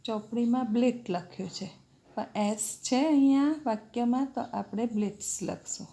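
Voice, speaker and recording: A woman teacher slowly dictating an English vocabulary lesson to children, spelling words out letter by letter. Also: on the high side, mellow.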